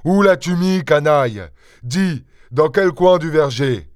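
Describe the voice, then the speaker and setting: A brutish peasant farmer, as a male narrator plays him barks gruff demands. His bullying voice pushes up in pitch on its outbursts. The audiobook reading sounds dry and close. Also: lively intonation, measured pace, no echo. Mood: angry. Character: angry, brutish middle-aged peasant farmer. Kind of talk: audiobook character voice.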